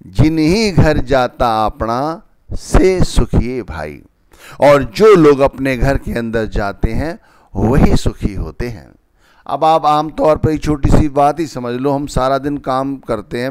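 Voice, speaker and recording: A man's voice: medium pitch, clear, resonant tone, no room sound. A man giving a devotional discourse as a spiritual teacher, patiently explaining scripture like a wise mentor.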